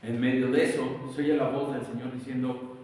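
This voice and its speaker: A man's voice: medium pitch, flat delivery, normal speed, darkish tone, far from the mic, slight background noise. A man preaching a sermon as pastor, emphatic and full of rhetorical questions. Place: church sanctuary. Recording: echoey church hall, voice from afar.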